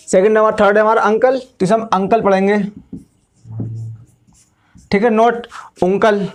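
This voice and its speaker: A male English teacher with a high-pitched voice gives a classroom lesson, explaining things step by step. He poses questions and then answers them himself.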